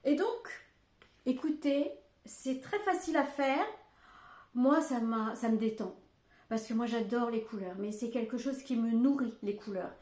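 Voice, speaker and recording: A woman's voice: fairly high pitch, a little slow, darkish tone. An older woman hosting a craft podcast from home, chatting casually and rambling with lots of fillers and asides. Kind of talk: casual chat. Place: home room. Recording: echoey room.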